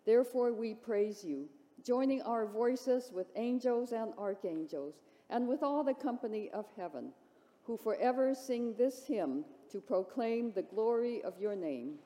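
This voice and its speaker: Female celebrant, reverent liturgical delivery, fairly high and mellow, long cathedral reverb. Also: expressive. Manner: measured, reverent phrasing. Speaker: priest celebrant leading a Eucharist liturgy. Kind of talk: solemn liturgical recitation. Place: large church, indoors. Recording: long cathedral echo, large reverberant church.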